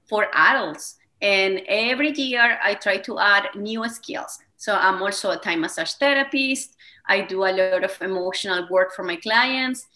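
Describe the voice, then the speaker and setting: Pushed and bright in the mid-range, a Venezuelan-accented woman in her thirties gives an enthusiastic interview as a guest. She is a wellness coach using English as her second language, and her phrasing is slightly non-native.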